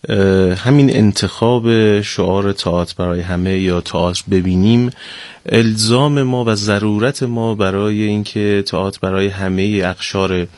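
A man speaking as a guest on a studio interview, in a measured, deliberate way. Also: on the low side, a little mellow, no room sound. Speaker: guest, theater director.

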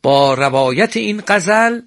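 A man's voice: high voice, animated, a bit bright, no room sound, studio quality. Courteous man teaching poetic meter. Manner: formal, courteous, slow chanting of meters. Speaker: teacher of Persian prosody. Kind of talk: broadcast lesson on poetic meter.

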